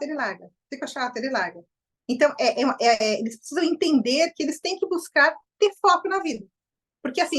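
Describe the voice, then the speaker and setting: A middle-aged Brazilian woman gives an informal lecture, her words tumbling out at a quick clip. Her voice sits a little high, and she keeps things lively and animated for the group. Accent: Brazilian Portuguese. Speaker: enneagram presenter.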